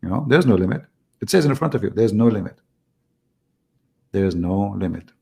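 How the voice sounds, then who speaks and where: A man's voice: lowish voice, expressive, normal speed, creaky, a little mellow. A man with an Arabic accent hosts a heated live-stream debate, repeating himself and talking over the caller. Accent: Middle Eastern Arabic. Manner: repetitive, interrupting, emphatic.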